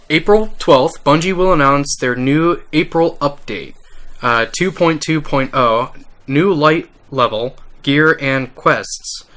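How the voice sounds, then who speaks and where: A man co-hosting a casual gaming news podcast, excitable and joking, swearing freely. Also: a little high. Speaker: podcast co-host.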